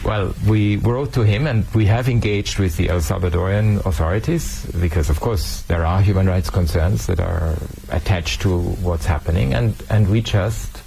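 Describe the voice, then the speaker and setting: A man's voice: low voice, moderate pace, creaky, few pauses, warm tone, a little hiss or hum, low-quality recording. A man answering interview questions as a human rights official, earnest, often restarting and repeating words.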